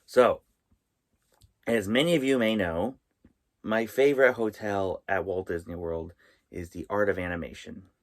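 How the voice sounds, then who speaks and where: Slow, low-voiced man vlogging inside a small trailer. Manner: halting, with pauses mid-sentence. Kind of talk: vlog presenting, tips and top-five countdown.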